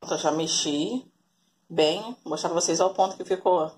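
With a fairly low, slightly mellow voice at normal speed, this forties-something Brazilian vlogger talks viewers through a casual cooking video, calling them family. She moves from her home kitchen to an outdoor yard, filming with a phone held at arm's length.

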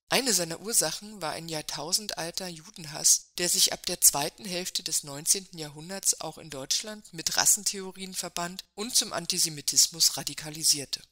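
Woman host, bright tone, formal scripted delivery. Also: lowish voice. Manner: formal, measured reading. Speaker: podcast host. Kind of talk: scripted interview introduction.

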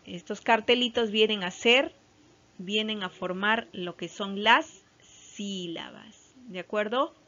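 A woman with a Peruvian Spanish accent teaches young children in a slow, patient lesson. She often pauses to check in with "¿ya?", and her pitch sits in the middle range. The audio is slightly dull. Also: pushed and bright. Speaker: primary school teacher. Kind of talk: recorded online lesson for children.

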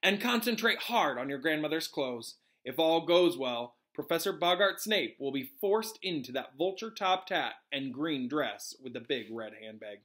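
Bir adamın canlandırdığı Profesör Lupin, canlı tonlamalı büyücü öğretmen. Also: male voice, on the high side, animated, normal speed, few pauses, a bit bright. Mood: calm, encouraging. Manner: encouraging, clearly instructive, emphatic. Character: calm, cheerful male wizard professor teaching a class.

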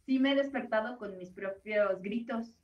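A woman co-hosting a casual radio chat, talkative and quick to laugh. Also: mid-range voice. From Mexico. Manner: chatty, laughs often. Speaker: radio co-host. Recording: roomy, distant, muffled sound.

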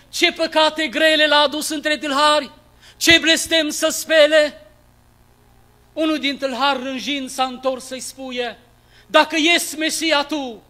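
A man giving a dramatic recitation of religious poetry, moving from hushed lines to loud, declamatory cries. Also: extremely high pitch.

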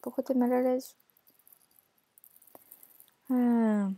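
A woman's voice: on the high side, little pitch movement, very slow, warm tone, no echo, clean studio sound. A young woman hosting a let's play, chatting casually and teasing the characters she plays, with frequent hesitations. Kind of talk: casual gameplay commentary.

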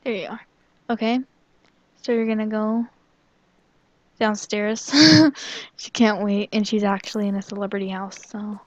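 A woman narrating her gameplay in a casual, giggly and excitable way. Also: mid-range voice, unhurried, pauses often, dry recording, dull audio. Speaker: gaming vlogger.

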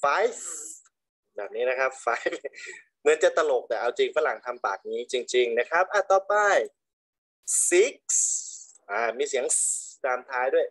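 A man teaching English to primary school children, slowly drilling words with big emphasis on each one. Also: mid-range voice, lively intonation, fairly bright tone. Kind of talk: online English lesson for children.

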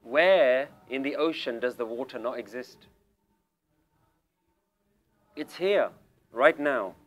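A man's voice: medium pitch, slow. A male spiritual teacher giving an emphatic, questioning talk to a group seated in a room. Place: room with a small audience.

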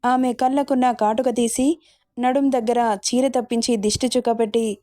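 A woman reading a romance story aloud in a steady, scripted narration. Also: a little high, normal speed, no room sound, studio quality.

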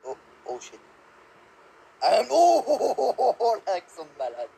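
A young man giving live gameplay commentary, excitable, yelping and laughing, swearing and dropping English exclamations. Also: high voice, measured pace, gravelly, slightly rough, rough recording. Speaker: gamer.

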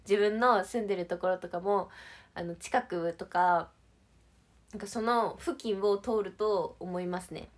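A woman's voice: mid-range voice, slow pace. A young woman from Shizuoka, Japan, hosting a casual livestream and chatting with viewers in a bubbly, playful, giggly way. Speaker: idol livestream host. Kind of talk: casual livestream chat reading comments.

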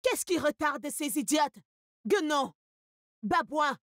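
A haughty rich madam barking orders and tossing insults, in a fairly high voice. The dub is close and dry, with no room around it. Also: female voice, lively intonation, takes it slowly, fairly bright tone, no room sound, heavily acted. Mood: scolding. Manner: imperious, insulting, barks orders. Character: rich, bossy woman scolding her maids. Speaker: actress in a French-dubbed Nollywood film.

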